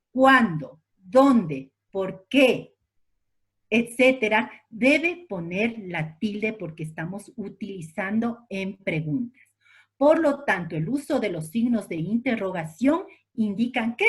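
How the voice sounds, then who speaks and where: A woman teacher with an Ecuadorian accent giving an online language lesson, emphatic and repetitive, checking understanding with short questions. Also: medium pitch. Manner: slow, emphatic, repeats points and asks "¿ya?". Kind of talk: online class lecture.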